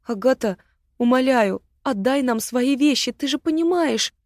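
A woman's voice: lively intonation, a little slow, darkish tone, no echo, studio quality. A woman reading an audiobook voices a young woman begging desperately. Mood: pleading. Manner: begging, high and tense.

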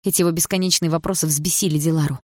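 A woman narrating a story in an expressive, emotional audiobook reading. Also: low-pitched, very fast, no room sound, clean studio sound.

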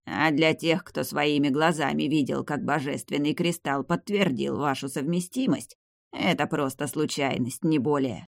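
An old grandfather who leads his clan and savors his own authority, put on by an audiobook reader. He talks slowly and pompously. The recording is close and dry. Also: medium pitch, gravelly, dry recording, close to an everyday voice. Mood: smug. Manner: slow, self-important, drawn-out speech. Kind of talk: audiobook character voice.

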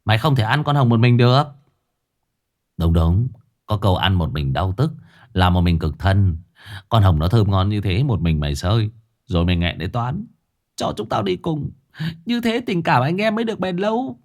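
A man's voice: on the low side, sing-song, normal speed. A man voicing rowdy young gang members who clamor and push their case. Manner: loud and clamoring.

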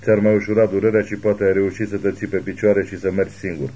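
A man voicing a caring young woman who tends a wounded man with quick, practical questions. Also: deep voice, level tone, mellow, dull audio, slight background noise, natural voice. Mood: urgent, caring.

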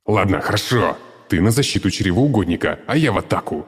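A shouting, foul-mouthed vegetable servant, a living cucumber bursting with crude excitement, as a man puts him on for an audiobook. The voice sits low and husky and leaps all over its range. A long reverb trails behind it. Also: fairly quick. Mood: rowdy. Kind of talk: audiobook character voice.

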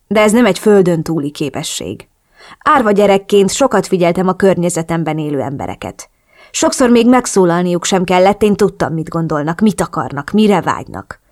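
A woman reading the lines of a cold, calculating male drug cartel boss in an audiobook, in a cool, measured, blunt manner. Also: on the low side, a little mellow, lightly acted.

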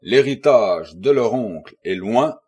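A man reading a classic novel aloud as first-person audiobook narration, measured and expressive. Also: mid-range voice. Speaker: audiobook reader.

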